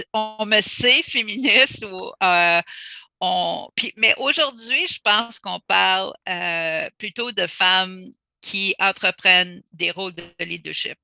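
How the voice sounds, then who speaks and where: A woman speaking as a panelist in a discussion, measured and thoughtful, pausing to search for her words over a video call. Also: fairly low pitch, creaky, sharp tone, dry recording.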